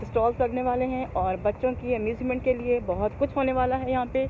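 A woman's voice: fairly high pitch, fairly even intonation, fast, phone-quality sound. Woman, middle-aged, chatty vlogger, cheerful, outdoors in a park, phone camera, faint noise. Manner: chatty, cheerful, switches between English and Hindi. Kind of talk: casual vlog chat.

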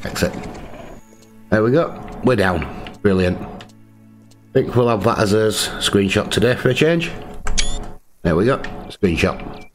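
A man's voice: on the low side, expressive, unhurried, long pauses, faint music behind. A man giving casual commentary while playing a farming game, talking to himself and to his viewers. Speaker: gaming channel host.

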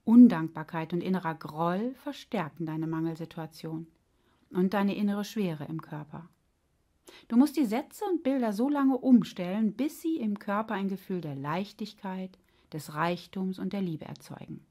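A woman voicing a wise, patient heart that explains things gently and sometimes grumbles. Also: mid-range voice, expressive, moderate pace, lightly acted.

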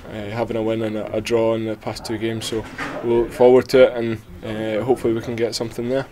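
Hesitant young footballer, low voice. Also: male voice, completely flat delivery, fast, dark tone. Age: 20s. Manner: hesitant, many ums and restarts. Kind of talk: post-match interview. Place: small indoor press area before sponsor board.

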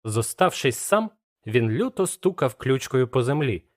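Steady male audiobook narrator. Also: medium pitch. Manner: steady, measured storytelling.

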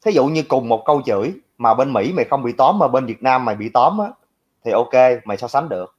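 A young Southern Vietnamese-accented man reacts to viewer comments in a livestream rant, brash and crude, deriding his critics. His mid-range voice is husky and animated, a little fast. The audio quality is lo-fi and dull.

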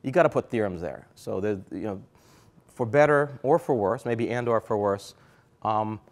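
A man's voice: lowish voice, moderate pace. Man giving a casual academic keynote. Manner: conversational, thinks aloud with fillers. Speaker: keynote speaker. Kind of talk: academic lecture. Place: lecture hall.

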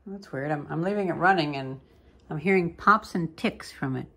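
Indoors in her living room, a young woman shows off old light bulbs for her hobby vlog, thinking out loud in an unscripted, relaxed way. She speaks at normal speed in a low-pitched voice that sounds pushed and bright; the home camera audio carries clear background noise.

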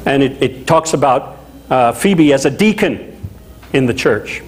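A middle-aged man from Louisiana preaching a sermon as a pastor in a small chapel, talking in a conversational, animated way with asides. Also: medium pitch, a little slow, low-quality recording. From Louisiana, USA.

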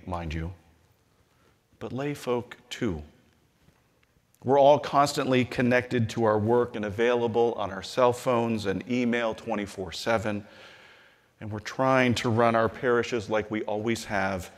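A middle-aged man, a bishop, delivering a measured, earnest sermon-style address from a lectern in a large hall. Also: lowish voice. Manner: measured and earnest, slowing and softening on scripture.

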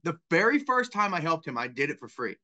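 A man in his thirties talks over a video call from a small room at home. His voice is bright and forceful, pitched a little high, and he tells stories candidly and pokes fun at himself. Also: sing-song, fairly quick. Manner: candid, self-deprecating storyteller. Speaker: guest, property cleanout worker. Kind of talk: casual interview talk on video call. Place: small room indoors with bookshelf.

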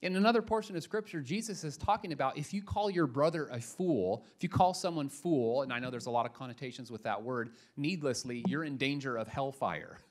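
A male pastor preaching a sermon, emphatic, moving between quiet asides and loud punches, with casual slang. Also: medium pitch, a little fast, hardly any pauses.

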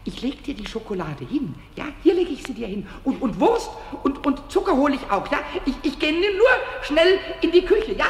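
A man's voice: extremely high pitch, very animated, moderate pace, few pauses, reverberant, big-room sound, full character voice. An actor voicing a mischievous, childlike little male kobold in a vintage radio play, stammering, giggling, and jumping between whispers and squeals. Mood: coaxing.

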